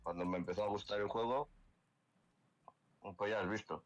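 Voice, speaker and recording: A man from Cantabria in northern Spain with a Cantabrian accent, chatting casually with some halting restarts. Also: fairly low pitch, fairly even intonation, poor audio. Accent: Cantabrian Spanish. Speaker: guest gamer. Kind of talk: casual chat.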